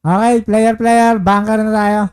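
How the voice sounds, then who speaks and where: A man chatting casually on a live stream as he plays baccarat, reading out viewer shoutouts and chanting his betting calls. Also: high-pitched, flat delivery, unhurried, smooth. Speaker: livestreaming baccarat player.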